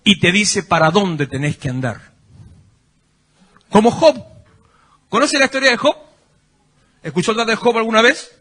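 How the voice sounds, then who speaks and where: A man's voice: high-pitched, bright, forceful tone. A male pastor, preaching a sermon and putting questions to his congregation. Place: church.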